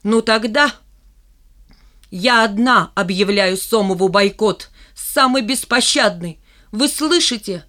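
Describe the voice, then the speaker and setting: A reader voicing a proud, stubborn schoolgirl class leader in an audiobook, loud and fervent. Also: mid-range voice, takes it slowly. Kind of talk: audiobook character reading.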